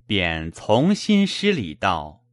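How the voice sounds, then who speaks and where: A man narrating a classical novel in a slow, expressive storytelling manner. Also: fairly low pitch, no echo, studio quality.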